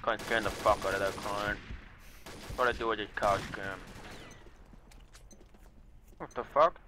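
A man streaming an online shooter, chatting casually with swearing, excitable trash talk into a headset. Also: lowish voice, a little slow, a little hiss or hum. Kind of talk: casual gaming chat.

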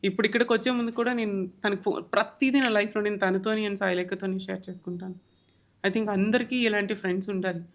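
A woman's voice: medium pitch, fairly even intonation, fast. A young woman speaking as a podcast guest, talking in a heartfelt way and mixing English words into her speech. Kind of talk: emotional personal interview talk.

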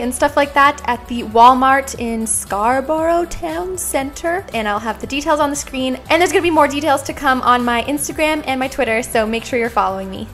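Bubbly high-voiced young woman vlogger. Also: a bit bright. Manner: bubbly, chatty, with many fillers of "like". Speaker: beauty and lifestyle vlogger. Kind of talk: casual vlog talk to camera.

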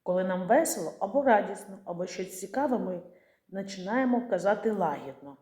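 A woman teacher giving a patient, gentle lesson to young children, asking them questions and answering for them. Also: medium pitch, expressive, fairly quick, roomy sound.

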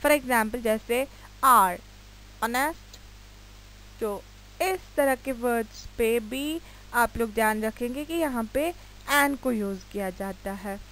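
A woman with an Indian accent teaching English grammar in a video lecture. She explains each rule slowly and spells words out letter by letter. She stops often to ask her students quick checking questions. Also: on the high side, fairly bright tone, low-quality recording.

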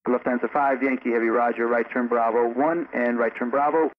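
A man working as an air traffic controller, giving calm, measured instructions to pilots over a radio with static bursts. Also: medium pitch. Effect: radio transmission with static bursts. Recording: tinny radio with faint static.

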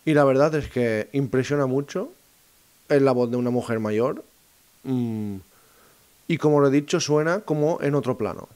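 A man talks in a casual monologue, speaking straight to his listeners and often pausing and restarting his phrases as he thinks aloud. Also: medium pitch, darkish tone. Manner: addresses listeners directly. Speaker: host of a segment on psychophony.

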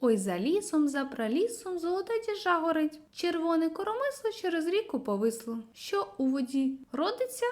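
A woman's voice: extremely high pitch, very animated, moderate pace, few pauses. A woman reading riddles and a lesson from a school textbook aloud in a sing-song way. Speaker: textbook reader.

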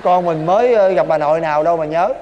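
A man's voice: on the high side, fast talker, a little mellow, big-room sound, dull audio, slight background noise, natural voice. An actor playing a timid young country man with a Southern Vietnamese accent, hesitant and reluctant.

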